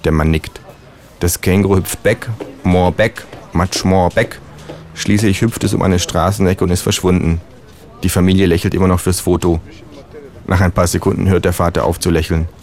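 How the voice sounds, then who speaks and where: Deep-voiced man telling a deadpan comic story. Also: normal speed. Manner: deadpan, matter-of-fact narration. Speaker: author reading his comic story.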